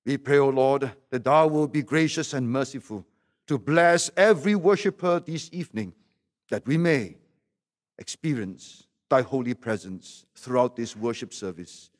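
A man leading a solemn formal prayer at a pulpit microphone, in a measured voice with old-style wording. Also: fairly high pitch. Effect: speaking at a pulpit microphone.

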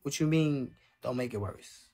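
Husky young man on a phone live stream. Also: mid-range voice, unhurried, darkish tone. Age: 20s. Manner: candid, defensive, reads and answers chat. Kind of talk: casual live-stream talk to viewers. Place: small room indoors. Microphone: phone held at arm's length.

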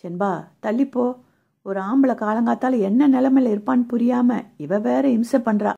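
A woman's voice: a little high, creaky, dark tone, slightly rough, muffled recording, voice pushed up. A woman voicing a hot-tempered young hero. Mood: grumbling. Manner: scolding, quick to anger.

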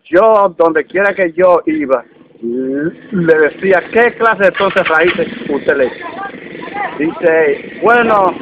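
Slow, halting Dominican man telling a story. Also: fairly high pitch, expressive, narrow, tinny audio, background noise. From Dominican Republic. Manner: halting, repeats words as he goes. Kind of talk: casual comic storytelling.

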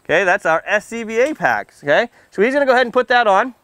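Talking fast with lively intonation, a man whose voice sits high and fairly bright presents fire safety to children outdoors. He stands under a tent canopy by a building before a small seated audience, using simple, playful words. He teases them and often checks in with questions, "okay," and "right."

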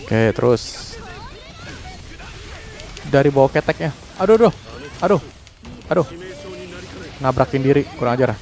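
A man's voice: medium pitch, a little slow, long pauses, darkish tone, faint music behind. A man giving live commentary while playing a game, reacting with frequent panicked exclamations. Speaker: gameplay commentator. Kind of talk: live let's-play commentary.

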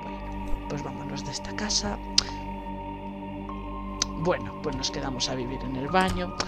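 A young woman, chatting casually as she plays a horror game, cursing and shouting in fright. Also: rumbling low, expressive, unhurried, over loud music. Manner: swearing, jokey, exclaims loudly in fright. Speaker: gaming streamer.

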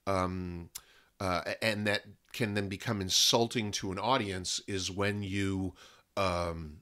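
A man from Canada, a film and content producer talking as a podcast guest in a lively way, often restarting sentences and piling up examples. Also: deep voice, slow pace. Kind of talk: casual interview talk.

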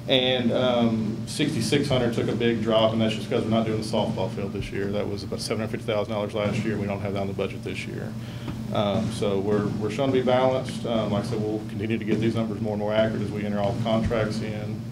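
A man giving a budget report at a school board meeting, steady and full of ums. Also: on the low side, quick pace, roomy sound, heavy background noise. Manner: flat, steady, many ums. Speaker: school district finance officer.

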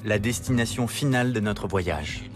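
Measured male documentary narrator. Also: fairly low pitch, expressive, music in the background. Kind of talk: scripted narration.

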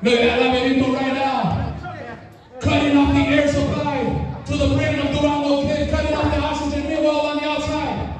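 A man calling excited, emphatic play-by-play as a lucha libre announcer, with drawn-out calls. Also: very high-pitched, over music. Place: large indoor wrestling hall with audience. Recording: echoey hall PA from far off, crowd noise. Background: crowd.

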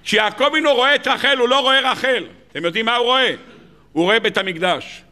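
A man, a rabbi, giving a lively sermon to a live audience, firing off rhetorical questions with mock disbelief and humorous asides. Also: extremely high pitch. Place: lecture hall with live audience.

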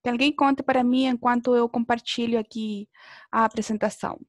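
A high-voiced woman teaches a beginner Portuguese class online from an indoor room, encouraging her pupils and checking in with little tag questions. Her intonation is fairly even and her pace brisk. The recording is dry, with hardly any room sound and no echo.

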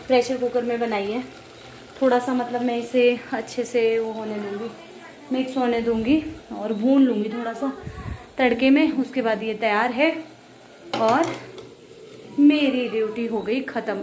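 A woman with a Himachali accent chats through a home vlog in a lively, teasing way, her voice pitched a little high. She records in an echoey family kitchen with faint noise behind her. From Himachal Pradesh. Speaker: vlogger. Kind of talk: casual home vlog chat.

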